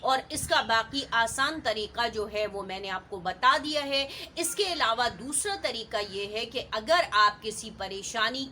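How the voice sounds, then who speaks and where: Bright-voiced woman teaching prayer practice. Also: a little high, a little hiss or hum. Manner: slow, careful, measured recitation when demonstrating; repetitive, directive explaining. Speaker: religious teacher. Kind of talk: instructional talk on prayer practice.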